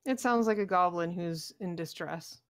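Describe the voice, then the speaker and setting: A woman acting as game master, narrating a tabletop game in a halting, conversational way. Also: fairly low pitch.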